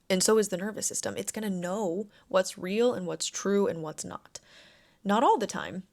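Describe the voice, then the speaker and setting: Relaxed woman coaching through a podcast. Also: mid-range voice, creaky. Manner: relaxed, conversational, reassuring coaching tone. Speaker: podcast host and anxiety coach. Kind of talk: self-help podcast monologue.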